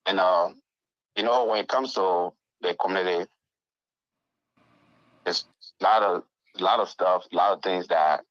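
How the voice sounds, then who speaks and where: A man phones into a talk show on a three-way call. His voice is low and forceful, coming over a dull phone line. He starts and restarts phrases in a deliberate, halting way. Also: no echo. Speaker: phone-in caller.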